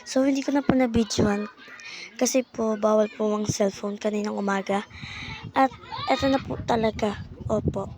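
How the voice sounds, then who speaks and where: A woman's voice: medium pitch, steady tone, moderate pace, long pauses, noisy background. A ten-year-old girl narrating her school day in a casual vlog, talking politely and chattily. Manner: polite, uses po often, chatty. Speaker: child vlogger.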